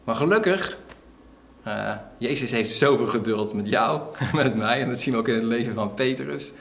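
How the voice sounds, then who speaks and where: A man preaching a sermon, retelling a story lively with acted-out quotes and frequent fillers. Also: medium pitch, moderate pace, vocal fry, reverberant, slight background noise. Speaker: pastor.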